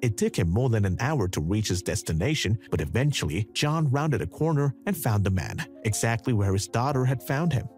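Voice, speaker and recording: Over background music, a man delivers scripted voice-over narration of a dramatic true story. His pace is brisk with few pauses, and his pitch moves animatedly as he tells it.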